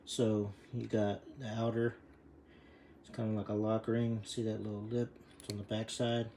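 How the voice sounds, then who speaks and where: A man's voice: lowish voice, little pitch movement, moderate pace, mellow, slight background noise. A man explaining a bike repair in a casual, rambling way, full of fillers, breathing hard from leaning over. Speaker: bike mechanic demonstrating a repair. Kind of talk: casual how-to video.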